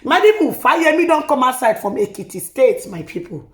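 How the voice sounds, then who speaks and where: Nigerian Pidgin, Nigerian accent, excited commentator, dramatic exclamations, highly animated pitch, echoey recording. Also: normal speed. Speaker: online commentator.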